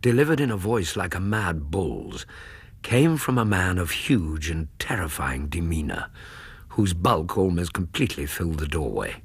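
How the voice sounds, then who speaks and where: A man acting a detective's doctor companion who narrates a radio drama in a husky, measured, literary way. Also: low-pitched, sing-song, dry recording, full character voice. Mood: measured narration.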